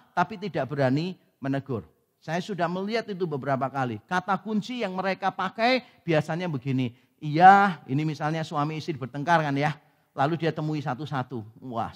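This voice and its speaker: A man's voice: fairly high pitch, big-room sound. A male pastor giving a sermon in a conversational way, now and then acting out little scenes. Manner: conversational preaching with acted-out asides.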